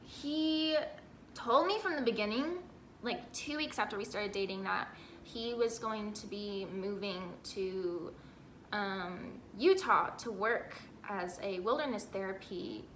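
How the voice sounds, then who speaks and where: A woman's voice: mid-range voice, slow, a bit bright, roomy sound, slight background noise. A woman in her twenties from Texas, talking candidly and earnestly in a personal vlog, with lots of "like" fillers. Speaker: vlogger.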